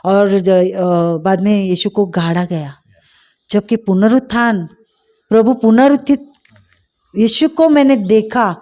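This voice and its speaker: A middle-aged woman telling a personal faith testimony, heartfelt and hesitant, pausing often with fillers. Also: medium pitch, dark tone. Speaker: testimony speaker.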